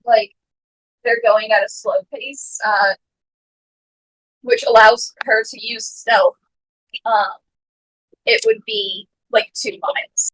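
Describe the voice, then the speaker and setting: A woman's voice: a little high, fairly even intonation, slow, long pauses, fairly bright tone, rough recording. A woman in a tabletop game, checking the rules tentatively with filler words. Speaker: player.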